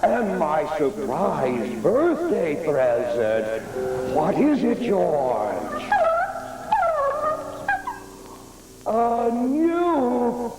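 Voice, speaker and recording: A man's voice: sits high, wildly swooping pitch, full character voice. A man playing a macabre ghoul who hosts a TV horror show, speaking in a melodramatic way with sinister relish. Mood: theatrical glee. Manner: slow, drawn-out, melodramatic delivery with sinister relish. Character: gleefully macabre male ghoul horror host. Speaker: horror host. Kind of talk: theatrical TV horror-host monologue. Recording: echoey vintage TV sound with music.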